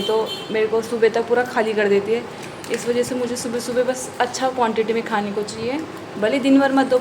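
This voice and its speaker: A woman's voice: medium pitch, roomy sound. A woman in her twenties, a young mother, chatting to the camera in a casual home vlog, filmed on a handheld camera. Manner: chatty, talks straight to the camera. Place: home, kitchen and rooftop. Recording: noisy home recording.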